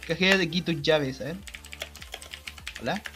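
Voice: medium pitch, unhurried, over music. A gamer, chatting casually with a friend, giggly and narrating what is on screen. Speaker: gaming friend. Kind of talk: casual gaming chat.

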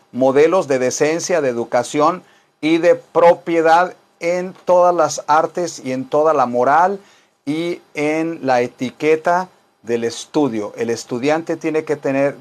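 Mexican male English teacher, slightly high voice, jokey and rambling. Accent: Mexican Spanish. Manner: playful, rambling, teasing asides to viewers. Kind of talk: joking live-stream English lesson.

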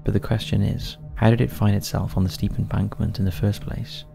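Gravelly low-voiced man narrating. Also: level tone, fairly quick, music in the background. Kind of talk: scripted documentary narration.

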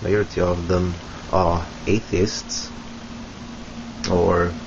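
Introducing himself casually on camera, a young man from Sweden speaks slowly in a deep, flat voice with vocal fry, stumbling through ums and false starts. He sits close to his webcam in a small room at home, and the audio is dull, lo-fi and hissy.

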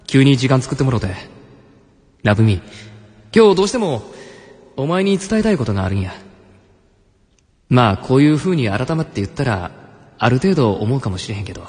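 A gentle young senior student with a Kansai accent, as a man reads him on the radio, soft-spoken and earnest. His voice is slightly husky, and his lively intonation rises and falls. The sound is dry and close. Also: medium pitch, dry recording. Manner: soft and polite, turning earnest and intimate. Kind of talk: radio drama reading.

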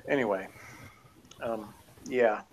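Speaking slowly in a lowish voice, this forties-aged podcast co-host reviews audio dramas in casual, rambling chat full of fillers and hesitation. He's indoors in a bookshelf-lined home office, and the low-quality recording carries a little background noise.

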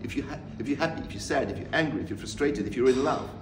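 A man in his fifties from South Africa, an artist answering interview questions in a measured, reflective way with pauses and restarts. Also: medium pitch, animated. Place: room with bookshelves, seated in leather armchair. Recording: roomy, distant mic, audible background noise.

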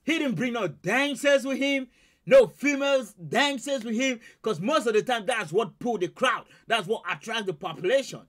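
A man's voice: very high voice, expressive, moderate pace, fairly bright tone. A man in his thirties hosting a reaction video, laughing and talking straight to his viewers from a small home studio on a headset mic. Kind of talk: excited reaction commentary. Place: small home studio with purple lights, indoors.

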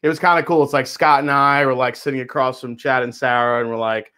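A man's voice: mid-range voice, steady tone, fast talker, bright, forceful tone. A man in his thirties with a mid-range voice joins a casual livestream as a guest. He tells the story in an easygoing, chatty way over a video call.

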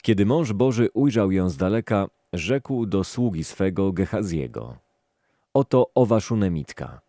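A man reading scripture aloud in a calm, even, measured manner. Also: low-pitched, no room sound, clean studio sound. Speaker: scripture reader.

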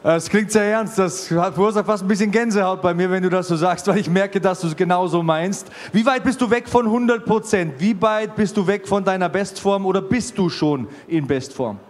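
A man's voice: high voice, a little fast, few pauses. A man in his forties hosting fight interviews, talking fluently and promotionally into a handheld mic at an indoor fight venue. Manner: fluent, promotional, hype-building. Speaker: host and commentator.

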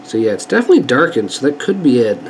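The man speaks quickly at a medium pitch, his voice stuffy from a sinus infection, and a faint hiss or hum sits under the recording. As a repair channel host working at an indoor workbench, he chats casually and thinks out loud through a hands-on fix.

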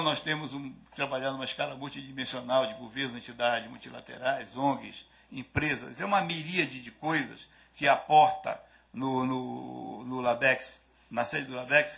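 Older male conference speaker from Brazil, gravelly bright tone, halting delivery, podium mic. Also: mid-range voice. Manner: hesitant, many restarts and fillers. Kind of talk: conference talk. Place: lecture hall, at a lectern. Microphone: podium microphone on a stand.

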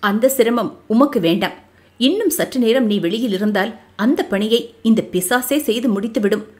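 A woman's voice: fairly high pitch, normal speed, lightly acted. A woman voicing a frightened older male guru in an audio novel, speaking in a pitiful, pleading tone. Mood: sarcastic.

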